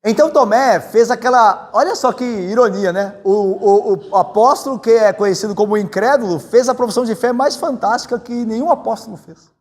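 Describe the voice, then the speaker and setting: A Brazilian pastor preaches conversationally in a church sanctuary, often ending points with quick tag questions to the congregation and swinging his pitch animatedly. The church hall gives the recording a long reverb.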